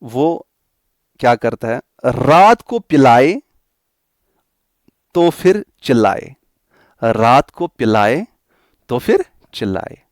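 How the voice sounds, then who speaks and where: A man's voice: medium pitch, expressive, takes it slowly, pauses often, no room sound, studio quality. A man voicing a tearful young woman who complains to her mother about her husband, as part of a story that helps students remember a lesson. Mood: upset. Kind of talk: storytelling mnemonic voice.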